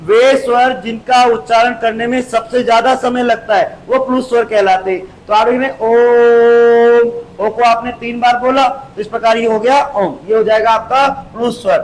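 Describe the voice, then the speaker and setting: A male teacher giving an exam-prep grammar lesson, explaining step by step, repeating key terms and drawing sounds out slowly. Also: very high-pitched, steady tone, rough recording.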